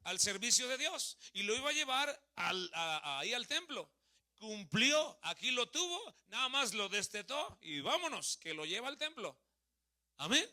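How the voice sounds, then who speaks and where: Lively Mexican preacher, high bright voice. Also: male voice, moderate pace. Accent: Mexican Spanish. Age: 30s. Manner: lively, asks the congregation questions and jokes with them. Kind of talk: sermon. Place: church hall.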